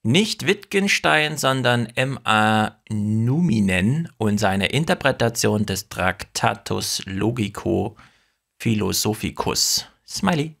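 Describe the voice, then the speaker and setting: A man's voice: lowish voice, lively intonation, takes it slowly, gravelly, a bit bright. A male podcast host talking in an offhand, jokey way. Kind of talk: casual chat.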